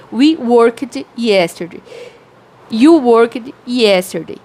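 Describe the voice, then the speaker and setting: A woman English teacher whose first language is Portuguese, giving a recorded grammar lesson and explaining slowly with repeated examples. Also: on the high side, a little hiss or hum.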